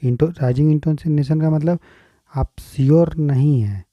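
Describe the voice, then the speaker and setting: A man's voice: a little high, steady tone, measured pace, dry recording, muffled recording. An Indian man teaching an exam-prep grammar lesson, explaining step by step and often checking if students follow.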